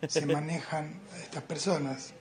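A man speaking in a measured, resigned way in a played-back clip. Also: on the high side, little pitch movement, a little mellow.

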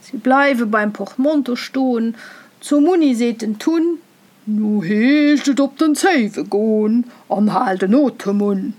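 Slow, high-voiced woman reciting verse. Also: a little mellow. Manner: measured, rhythmic verse delivery. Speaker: storyteller. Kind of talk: reciting a rhyming dialect tale.

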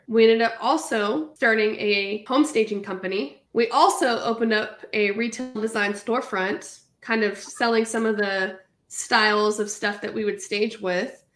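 A woman in her thirties from California tells her story as a podcast guest, lively and chatty. Her voice sits a little high, and the recording has a noticeable echo from the room. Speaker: guest entrepreneur. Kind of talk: casual interview storytelling.

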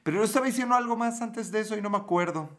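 A man's voice: sits high, racing. A man with a Mexican accent chatting casually on a livestream, rambling, slangy and swearing, reading out his viewers' comments, a bit tipsy. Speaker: livestream host reading chat.

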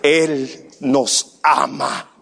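A middle-aged pastor preaches with deliberate slowness. His voice sits a little high for a man and rises toward near-shouts at the climaxes, then drops back to a soft storytelling tone. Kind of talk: sermon.

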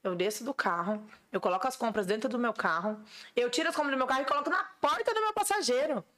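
Lady driver, talks fast, keeps asking "né?", kinda high voice. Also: animated, fairly bright tone. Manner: chatty, emphatic, asks rhetorical questions. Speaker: ride-hailing driver. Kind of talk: casual chat.

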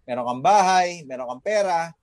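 High-voiced motivational man from the Philippines. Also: lively intonation, moderate pace, dry recording, clean studio sound. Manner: motivational, full of fillers and tag questions. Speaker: guest, fitness trainer working abroad. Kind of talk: casual podcast chat.

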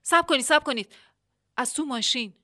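A woman narrates a comic radio drama with a bright, ringing tone and a slightly raised pitch. She sounds chatty and flustered, and keeps apologizing to the other characters. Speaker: narrator and host.

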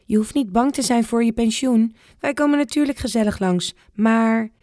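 A woman voicing a curious, lively young schoolgirl in a read-aloud children's storybook. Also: a little high, normal speed, no echo, clean studio sound, pitched above the performer's own voice, close to an everyday voice.

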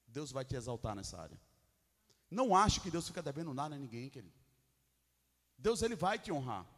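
A Brazilian man preaching a sermon as pastor, emphatic, swinging from loud calls to hushed lines. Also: mid-range voice, big pitch swings, fairly quick. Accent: Brazilian Portuguese. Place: church hall. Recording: long hall reverb.

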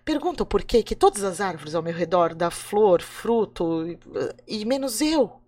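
A woman telling a folk tale puts on a sad, barren tree that pleads quietly for help. Its voice is lower and softer than her own. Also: big pitch swings, moderate pace. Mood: pleading. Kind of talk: oral storytelling.

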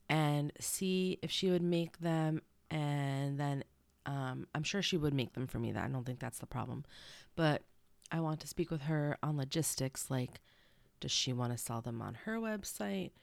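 A young woman chats her way through a solo podcast, wandering into asides as she goes. Her voice sits low and sounds stuffed up. The sound is dry, with no room around it. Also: unhurried, vocal fry, dry recording. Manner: rambling, chatty asides. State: stuffy nose. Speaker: podcast host. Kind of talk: casual solo podcast chat.

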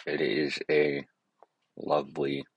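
A man's voice: a bass voice, completely flat delivery, takes it slowly, breathy edge. A man hosting his own podcast, talking in a meandering, hesitant way with many fillers and self-corrections. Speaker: podcast host. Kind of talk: rambling casual monologue.

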